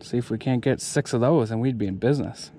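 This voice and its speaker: A man's voice: medium pitch, fast talker, background noise. A young man casually narrating to viewers while fishing from a kayak on a lake, recorded on a head-mounted action camera. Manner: relaxed, chatty, talks to viewers. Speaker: fishing vlogger.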